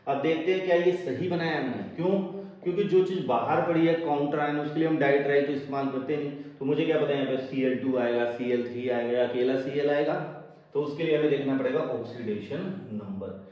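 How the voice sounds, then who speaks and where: A man's voice: medium pitch, fairly quick. Male teacher, classroom lecture, quizzes students, very echoey, muffled distant sound. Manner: asks the class questions and answers them himself. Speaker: chemistry teacher. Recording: echoey room, distant mic, dull sound.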